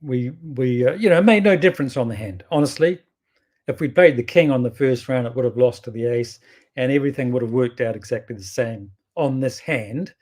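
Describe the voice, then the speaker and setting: A man's voice: medium pitch, fairly quick, a little mellow. A man with a strong New Zealand accent gives casual game commentary, thinking aloud in an informal, rambling way and often correcting himself. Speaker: bridge player presenting his own videos.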